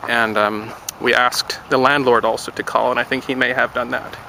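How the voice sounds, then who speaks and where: A man speaks in a casual vlog, rambling and wry as he talks straight to the camera. His voice is bright and forward at a middling pitch. Faint street noise sits behind him outdoors. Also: little pitch movement, moderate pace, poor audio. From Canada. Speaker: vlogger. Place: outdoors near a road construction site.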